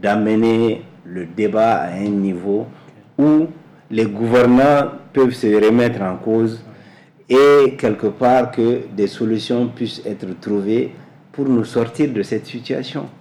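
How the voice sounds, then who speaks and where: A man from Mali, answering as an interview guest in a measured way, repeating words as he searches for them. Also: lowish voice, warm tone. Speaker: guest, energy specialist.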